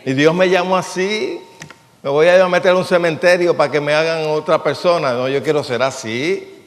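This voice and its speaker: A man preaches in a relaxed, conversational way, quizzing his listeners and joking as he goes. His voice sits a bit high for a man, and it rings out with a long echo in a church hall. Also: a little fast. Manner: plain-spoken, asks the congregation questions, jokes. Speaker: pastor. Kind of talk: conversational sermon.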